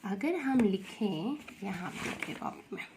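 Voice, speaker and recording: A woman teaching Hindi grammar to young children, slowly repeating words and asking questions to the class. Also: mid-range voice, expressive, darkish tone, slight background noise. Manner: slow, repeats words and asks questions to the pupils.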